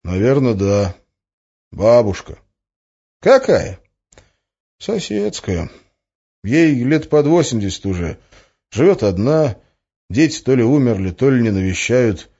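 A man's voice: mid-range voice, animated, slow pace, long pauses, dark tone, husky, muffled recording, voice pushed up. A man reading an audiobook, voicing an earnest young idealistic magician who speaks with insistent indignation.

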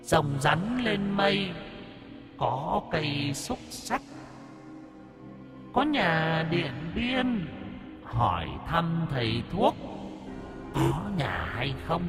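Ghost children chanting a rhyme as the narrator puts them on, very slow sing-song, music behind. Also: mid-range voice, sing-song, voice pushed up. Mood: eerie.

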